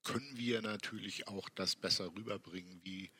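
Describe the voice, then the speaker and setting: An older man talking casually as an interview guest, explaining things in a halting, conversational way. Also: low-pitched, steady tone, sharp tone, slight background noise. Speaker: podcast guest, workshop teacher.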